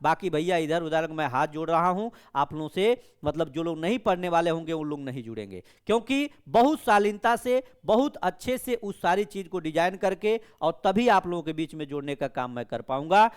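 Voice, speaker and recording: Young male coaching teacher, high and smooth, urgent and repetitive. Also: lively intonation, brisk, hardly any pauses. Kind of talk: direct-to-camera exam update.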